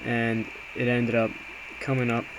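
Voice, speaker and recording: In a clear recording with a steady hum of background noise, a man with a mid-range voice speaks at an unhurried pace. He's an amateur day trader casually walking through a screen, recapping his trades in a hesitant, self-reflective, informal way.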